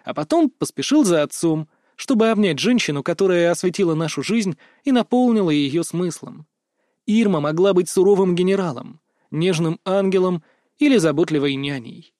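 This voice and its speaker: A man reads a first-person audiobook in a measured storytelling voice. His pitch is fairly high for a man. The studio sound is dry and close, with no room around it. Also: expressive, a little mellow, dry recording. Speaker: audiobook narrator. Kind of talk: scripted first-person narration.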